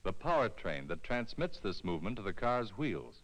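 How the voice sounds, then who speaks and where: In the manner of a 1970s educational film soundtrack, a man reads scripted instructional narration clearly, steadily and explanatorily. His voice is lowish with a sing-song quality, and the audio is poor.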